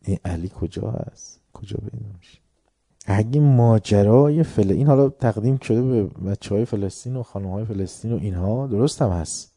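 A man preaching a religious sermon with passion, often swelling loud and then dropping low. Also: no echo, studio quality.

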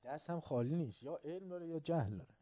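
A man lecturing on faith and upbringing in a deep, very dark and mellow voice, recorded close and dry. He hammers home lists of words, throws out rhetorical questions and slips into acted voices for his anecdotes. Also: lively intonation, dry recording. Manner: emphatic, repeats word lists, asks rhetorical questions; tells folk anecdotes, acting out the characters.

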